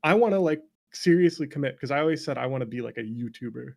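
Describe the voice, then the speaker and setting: Speaking fast with a medium pitch, creaky texture, and lively intonation, a young interview guest shares casual stories. He streams and used to speedrun, and his informal, self-deprecating talk is full of "like."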